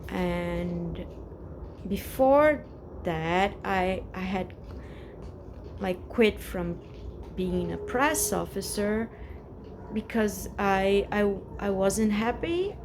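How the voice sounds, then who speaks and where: Speaking English with a Brazilian Portuguese accent, a vlogger in her forties from Brazil, a native Portuguese speaker, talks casually at home with a rambling, hesitant manner and frequent restarts. Her mid-range voice is expressive but extremely slow, pausing often over background noise.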